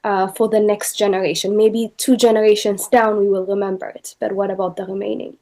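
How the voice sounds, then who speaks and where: A woman's voice: medium pitch, level tone, fast talker, darkish tone. A woman interviewing a filmmaker in a conversational, appreciative way.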